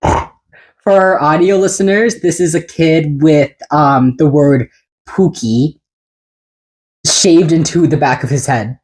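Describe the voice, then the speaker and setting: A woman co-hosting a podcast, chatting casually in an excitable, rambling way and swearing now and then. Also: low-pitched, slow, long pauses, rough recording. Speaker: podcast co-host. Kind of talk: casual chat.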